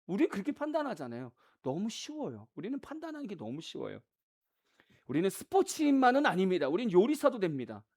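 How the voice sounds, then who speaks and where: A male pastor preaching a sermon in an animated way, often asking the congregation questions. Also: sits high, brisk. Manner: animated, acts out quoted voices, rhetorical questions to the congregation.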